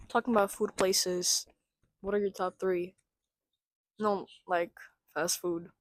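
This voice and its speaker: A woman's voice: mid-range voice, steady tone, slow, a little hiss or hum, low-quality recording. A young woman, a podcast guest, chatting casually and filling her talk with "like". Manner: chatty, full of fillers.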